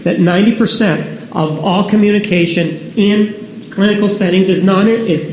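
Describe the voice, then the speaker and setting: A man with a high voice cross-examines a witness, pressing and insisting on yes or no. The courtroom recording rings with room echo. A faint hiss sits underneath. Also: normal speed, a little mellow. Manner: pressing, demands yes-or-no answers. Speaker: prosecutor. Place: large echoey courtroom.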